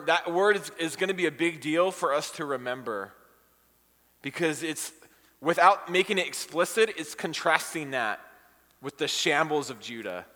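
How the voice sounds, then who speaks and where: A man preaches in an easygoing, conversational way and stops to ask his congregation questions. His voice is bright and sits a little high. The sound carries a long reverb, as in a large church hall. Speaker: pastor. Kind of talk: sermon.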